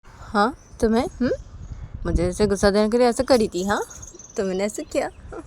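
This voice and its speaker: A woman's voice: medium pitch, lively intonation, fairly quick, darkish tone, slight background noise, lightly acted. A woman voicing a teasing, stubborn young lover in an amateur story where she does all the voices.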